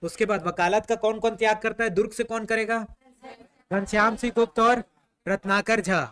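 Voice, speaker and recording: A man's voice: sits high, fairly even intonation, normal speed, pushed and bright, smooth. A man teaching a history class, quizzing students and answering his own questions in a conversational way. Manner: conversational, repeats "ठीक है" often.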